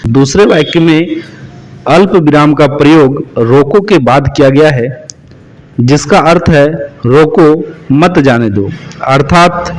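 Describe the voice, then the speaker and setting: A man teaching a grammar lesson as a voice-over, slowing down to stress his example sentences. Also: a little high, rough recording. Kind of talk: explanatory lesson.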